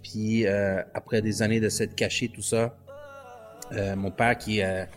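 A man's voice: on the low side, level tone, unhurried, soft background music. A man with a Quebec French accent telling his story in a casual conversation, slipping English slang into his French. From Canada. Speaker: guest.

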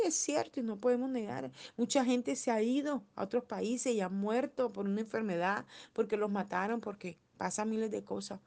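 A woman's voice: on the high side, darkish tone. A woman preaching a sermon, telling stories with frequent filler words.

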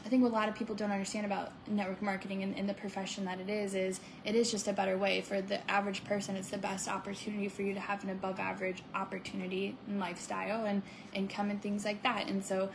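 A woman's voice: medium pitch, completely flat delivery, fast, creaky, few pauses, noisy background. A woman co-hosting a casual podcast chat, upbeat and salesy, with lots of "like" and "right?". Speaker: podcast co-host.

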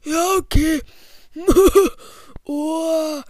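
Goofy cheeky schoolboy voiced by a woman, very high voice, slow drawn-out delivery, dry close sound, hobby audio drama. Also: fairly even intonation, darkish tone, no echo. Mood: cheerful. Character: silly, cheeky cartoonish schoolboy.

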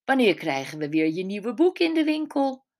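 A woman's voice: medium pitch, sing-song, normal speed, close to an everyday voice. A woman reading aloud the lines of a middle-aged bookseller who puts on a brave front over her grief. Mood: friendly.

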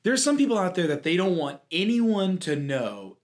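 A man co-hosting a podcast, chatting casually and airing opinions with lively asides. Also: high-pitched. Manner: animated, opinionated, quick asides. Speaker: podcast co-host. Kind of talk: casual chat.

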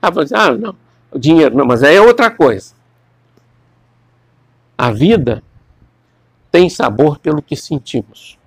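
Man, classroom lecturer, discursive, gravelly, dry close sound. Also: fairly high pitch, very animated, measured pace, long pauses, no room sound. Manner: discursive, repeats words, asks students questions.

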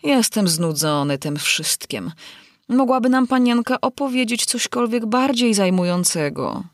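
A woman's voice: on the high side, animated, a little slow, no room sound, studio quality, voice pushed up. Woman doing a bored sighing march hare. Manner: weary, sighing.

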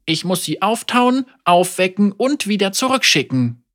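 An elderly woman, teacher and mother, speaks with calm, dry wit and gentle teasing, voiced by a storybook narrator. Her voice sits high and lilting and moves with lively melody. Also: a little slow.

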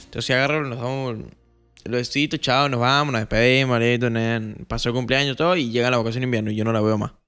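A young man with an Argentine Spanish accent telling a casual storytime monologue, acting out the scenes with lively jumps in his voice. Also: fast talker, smooth, faint music behind. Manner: animated, acts out scenes with rising pitch.

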